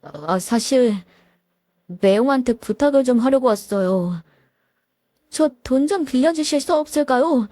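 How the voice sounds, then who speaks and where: A woman's voice: high voice, expressive, unhurried, warm tone, no room sound, studio quality. A woman voicing a desperate young brother-in-law who asks anxiously and politely for help.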